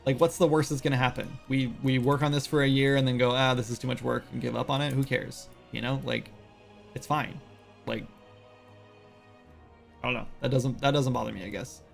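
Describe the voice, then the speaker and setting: A man in his late thirties, working on his game live, keeps up casual, rambling stream chatter full of fillers and self-deprecation. His mid-range voice is steady, creaky, and a little fast, with soft background music.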